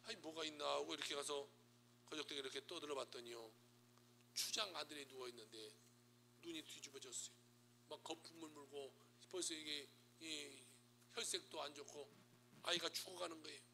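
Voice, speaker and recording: A man, a pastor, preaching a sermon and telling a story dramatically, swinging between loud and hushed delivery. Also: a little high, normal speed, creaky, slight background noise.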